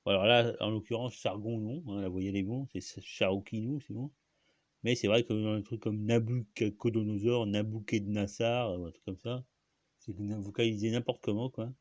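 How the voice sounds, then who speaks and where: A man's voice: fairly low pitch, fairly even intonation, normal speed, no room sound. A man hosting a solo talk, explaining words in a hesitant, rambling way, full of fillers, restarts and coughs. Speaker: host.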